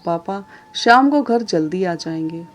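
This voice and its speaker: Woman voicing a brisk young husband. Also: lowish voice, animated, faint music behind. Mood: matter-of-fact. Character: man, a young husband giving instructions.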